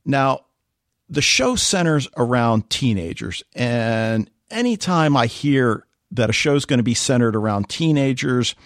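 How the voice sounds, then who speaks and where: A man's voice: medium pitch, lively intonation, measured pace, dry recording, clean studio sound. A man co-hosting a podcast, chatting casually and telling stories with animation. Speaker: podcast co-host.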